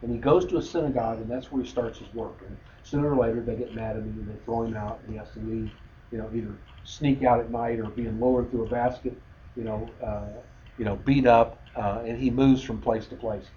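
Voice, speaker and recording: A man's voice: medium pitch, steady tone, fairly quick, mellow. A man giving an unscripted bible history lesson, rambling with frequent fillers and restarts. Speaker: bible study teacher. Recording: dull lo-fi recording with faint noise.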